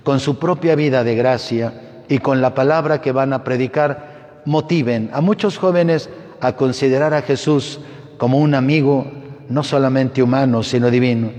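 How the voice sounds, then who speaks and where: Priest praying in long cathedral echo. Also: male voice, mid-range voice, darkish tone. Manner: solemn, measured delivery to a congregation. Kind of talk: liturgical prayer and blessing. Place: large church.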